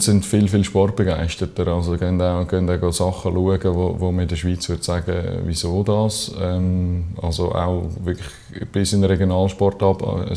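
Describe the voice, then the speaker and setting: A young Swiss man, a handball player, answering in a studio interview with measured, hesitant phrasing. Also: low-pitched, mellow. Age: young adult. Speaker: professional handball player, team captain. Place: small TV studio.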